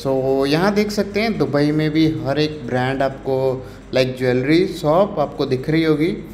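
At a busy street market at night, a man from India talks casually to his viewers as he walks, chatty and filler-laden, blending English words into Hindi. His voice leans high with a darkish tone and a measured pace. There's a little hiss or hum, plus echo and faint ambience from the street.

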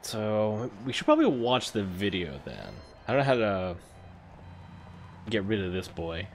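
A man's voice: fairly low pitch, wildly swooping pitch, a little slow, slight background noise. A man giving casual, amused, rambling commentary as he streams a game.

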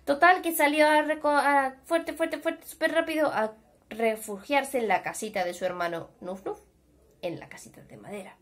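A woman with a Spanish accent from Spain telling a fairy tale to young children, chatty and animated, often asking the kids questions. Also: high voice, moderate pace. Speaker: children's storyteller.

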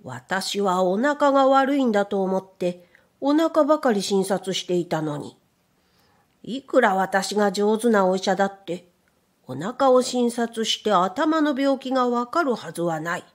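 A woman's voice: medium pitch, lively intonation, a little slow, close to an everyday voice. A woman voicing a proud rabbit doctor in a children's storybook, indignant and lecturing. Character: fussy, proud rabbit doctor, grown male.

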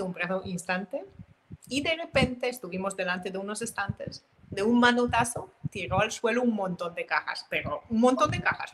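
A woman of middling pitch tells a personal story as an interview guest, her delivery animated and full of small self-corrections. She slips into quoted dialogue as she recounts the story. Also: a little hiss or hum, poor audio. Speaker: guest, mother and author.

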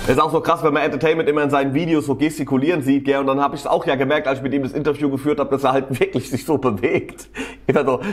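A man's voice: mid-range voice, steady tone, racing, faint music behind. A man casually commenting on a rap battle as a tutorial host, slangy and enthusiastic, often laughing.

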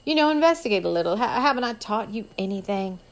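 Woman playing a strict rich mom, firm and scolding, bit louder, storybook read. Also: medium pitch, animated, fast, lightly acted, rough recording. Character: stern wealthy middle-aged mother, controlling.

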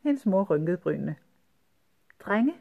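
A narrator reading a children's storybook aloud in a calm, even way. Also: mid-range voice, phone-quality sound.

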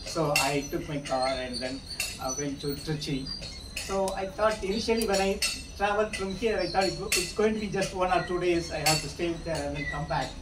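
A middle-aged man, halting with fillers as he opens a club meeting in an open-air pavilion, recorded by a far camera. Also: fairly high pitch, fairly even intonation. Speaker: presiding officer of a speaking club meeting. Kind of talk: opening remarks at a club meeting. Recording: roomy, distant, with loud background noise.

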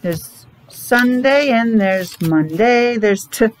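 Speaking slowly and expressively with a slightly high voice, this preschool teacher, a middle-aged woman, leads little ones through a morning meeting lesson full of simple, sing-song questions. Her mask muffles her slightly, and a device mic about an arm's length off picks her up amid classroom noise.

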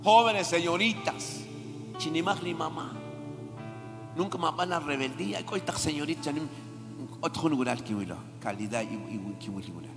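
A woman preacher delivers an impassioned sermon, calling out to the congregation and rising to shouts. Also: low-pitched, lively intonation, moderate pace. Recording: reverberant hall with music behind.

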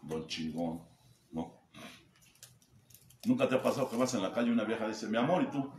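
A man's voice: fairly low pitch, lively intonation, moderate pace, darkish tone. A man with a Mexico City accent, a group sponsor giving a crude, mocking, joking testimony and acting out the voices he quotes. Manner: foul-mouthed, mocking, acts out quoted voices. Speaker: sponsor speaking at a recovery group meeting. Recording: echoey room with background noise.

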